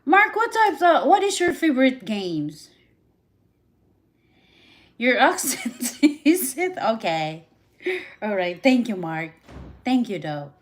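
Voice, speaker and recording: A Filipino woman who grew up speaking Visayan and Tagalog hosts a live stream, chatting casually and answering viewer comments in halting, accented English with frequent restarts. Her voice is fairly high with big swings in pitch.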